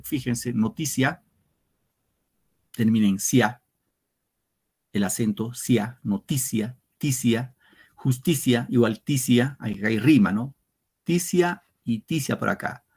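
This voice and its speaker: A male teacher giving an online literature class, explaining slowly and step by step to his students. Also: mid-range voice, gravelly, slightly rough. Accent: Peruvian Spanish. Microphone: computer mic on a video lesson.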